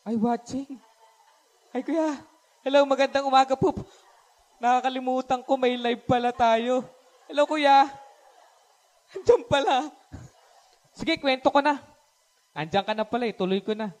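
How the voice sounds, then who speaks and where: At a live-streamed church service, a man with a very high voice preaches in Taglish, unhurried and with long pauses. He's lively, acting out family quarrels and often asking the crowd to agree.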